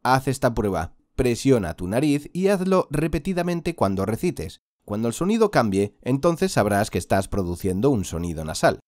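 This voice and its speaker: Male instructor, patient repeat-after-me teaching, lively intonation, dry close sound. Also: mid-range voice, dry recording. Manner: patient, drawn-out demonstration of sounds. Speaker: Quran recitation teacher. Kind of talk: slow instructional lesson with repeat-after-me drills.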